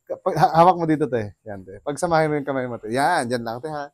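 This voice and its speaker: A man's voice: fairly high pitch, fast talker, no room sound. A Filipino man working as a bone setter, talking a client through treatment in a soothing, coaxing way with frequent laughs. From Philippines.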